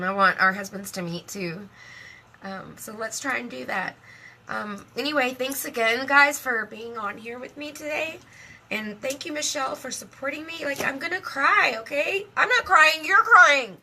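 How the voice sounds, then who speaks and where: A middle-aged woman talks on a casual live stream in a bright, fairly high voice. She is emotional and chatty, laughs often and speaks warmly about her faith. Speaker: live video host.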